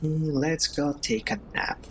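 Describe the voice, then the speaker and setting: A man's voice: on the high side, level tone, takes it slowly, slight background noise, rough recording. A man streaming a game, chatting casually with viewers, giggly and chatty, and narrating the game text. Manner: chatty and giggly, talking to chat.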